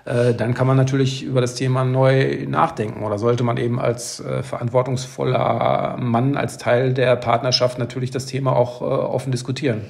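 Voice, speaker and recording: A man in his fifties speaks at a middle pitch with a gravelly edge. He thinks aloud, pausing often with filler sounds as he answers interview questions at home. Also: level tone. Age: 50s. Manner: hesitant, many filler sounds, deliberate. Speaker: interviewee, father.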